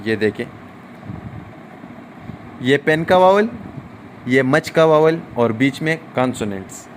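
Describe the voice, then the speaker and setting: A man teaching a recorded shorthand lesson, explaining step by step with drawn-out "aa" fillers and frequent checks like "okay?". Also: mid-range voice, expressive, slight background noise.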